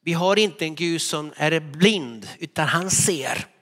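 A high, bright male voice delivering a sermon. He preaches in an animated storytelling way, sometimes acting out the people in his stories. A long church reverb trails behind his words. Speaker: pastor.

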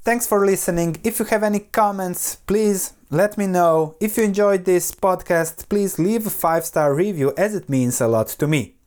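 Mellow-voiced podcast host. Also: male voice, high voice, moderate pace, hardly any pauses, smooth. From Croatia. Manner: analytical, poses rhetorical questions and answers them. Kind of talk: solo investing podcast commentary.

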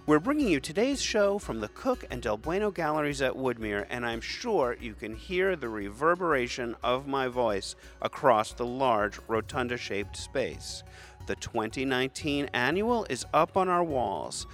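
A man introduces a show in a measured, announcer-like way, his pitch moving up and down with lively variation. His voice carries and reverberates around a large rotunda-shaped gallery, with faint music under it. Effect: reverberating echo of a large hall. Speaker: podcast host.

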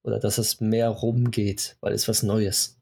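A man's voice: fairly low pitch, flat delivery, measured pace, vocal fry, a little mellow, slightly rough. A man co-hosting a casual podcast chat, talking with frequent hesitations and fillers. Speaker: podcast co-host.

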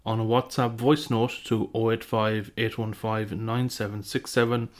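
A man's voice: lowish voice, flat delivery, normal speed. A man reading a scripted podcast announcement.

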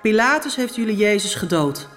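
A woman voicing an indifferent male palace gatekeeper who speaks in a flat, uninterested tone. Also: mid-range voice, moderate pace, soft background music, close to an everyday voice. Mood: dismissive.

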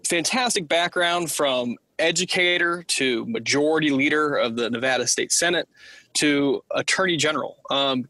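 Male host, crisp forceful tone, dry close sound, courteous interviewer with a few ums. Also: a little high, no room sound. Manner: polite, slightly hesitant with fillers. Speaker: podcast host. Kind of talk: interview hosting.

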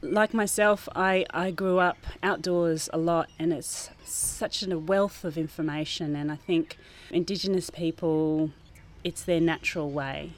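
Under a gazebo in a school garden, a garden teacher from New Zealand gives an informal interview, thoughtful and earnest in her explanations. Her voice sits low and steady, and she never hurries.

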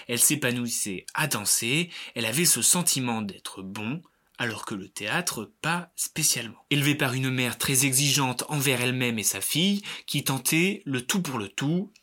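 A man's voice: medium pitch, sharp tone. A man hosting a film segment, reading a scripted review with wry joking asides. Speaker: film critic host.

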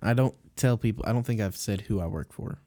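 A man's voice: on the low side, a little fast, warm tone. A man, co-hosting a casual chat and rambling through stories with fillers and laughs.

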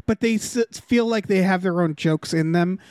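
A man's voice: high-pitched, normal speed, a little mellow, dry recording, studio quality. A man on a podcast, thinking aloud hesitantly in casual chat. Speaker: podcast panelist.

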